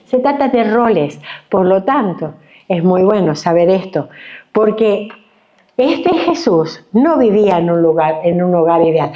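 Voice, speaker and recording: A woman teaching a sermon at a church women's conference, animated, often acting out everyday complaints and asking her listeners questions. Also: mid-range voice, a little slow, lo-fi sound. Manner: animated, acts out complaining voices, asks the audience questions.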